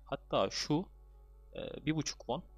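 A young man chatting casually through his online game session, fussing over luck and getting excitable when things go his way. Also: on the high side, measured pace, gravelly, breathy edge, no room sound, soft background music. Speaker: gaming video creator. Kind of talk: casual gameplay commentary.

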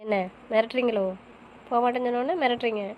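A woman playing a quick-tongued young wife in an audio romance series, talking back in pouty banter. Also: fairly high pitch, little pitch movement, dull audio, a little hiss or hum, lightly acted. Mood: sulky, playful. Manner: fast, pouty back-talk.

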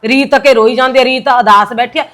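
A woman's voice: a little high, fairly even intonation, fairly quick, fairly bright tone, close to an everyday voice. A middle-aged woman playing a resentful mother-in-law in a short film drama, scolding and sarcastic. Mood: bitter.

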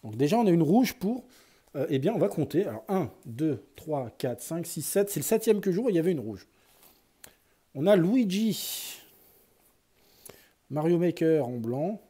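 Husky, mellow-voiced man chatting casually. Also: fairly high pitch, sing-song, a little slow, pauses often. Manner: chatty, thinks aloud, lots of fillers and sighs. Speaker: YouTuber opening sticker packs. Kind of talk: casual running commentary.

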